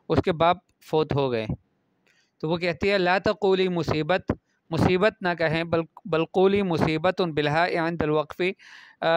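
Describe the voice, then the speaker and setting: Man, reading Arabic phrases and explaining them, smooth voice, dry close sound. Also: sits high, dry recording. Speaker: Arabic teacher. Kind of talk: classroom lesson explaining Arabic pronunciation in Urdu.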